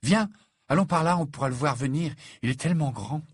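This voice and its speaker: A man voicing a clever, proud teenage girl who talks quickly, clipped and indignant. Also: a little high, slightly rough, dry recording, studio quality, pitched above the performer's own voice. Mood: brisk.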